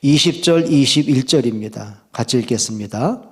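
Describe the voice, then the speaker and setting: A man preaching a sermon as pastor, reading scripture slowly and acting out quoted complaints with a raised voice. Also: mid-range voice. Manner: reads scripture slowly and deliberately.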